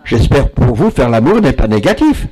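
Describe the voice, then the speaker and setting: A man's voice: mid-range voice, sing-song, moderate pace, mellow. A man, giving a spiritual talk and taking questions from an audience, repeating words for emphasis. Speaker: spiritual speaker.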